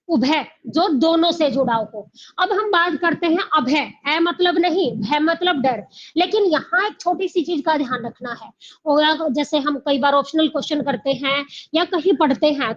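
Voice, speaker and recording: A woman teaching an exam coaching class, asking questions and answering them herself, repeating key words slowly. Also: sits high, dull audio. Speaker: Hindi teacher.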